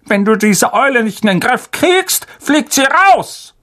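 A man doing a booming, furious middle-aged uncle. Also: sing-song, unhurried, full character voice. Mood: grumbling. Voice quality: loud, booming, spluttering.

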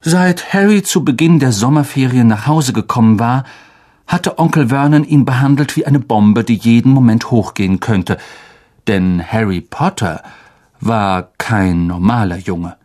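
A man reading a story aloud as an expressive audiobook narrator. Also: mid-range voice, breathy edge. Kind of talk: scripted narration.

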